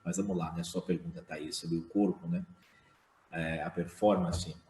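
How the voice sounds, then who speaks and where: A man and slam poet talking casually on an online panel, with many fillers and lively retellings. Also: low voice, moderate pace, echoey room, a little hiss or hum, poor audio. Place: home room.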